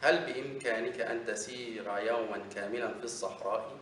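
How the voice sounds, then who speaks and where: A man voicing a wise, sarcastic male camel in a children's story, reading calmly. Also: medium pitch, fairly quick, natural voice. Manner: calm, mocking storybook voice. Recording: echoey room, distant mic, faint noise.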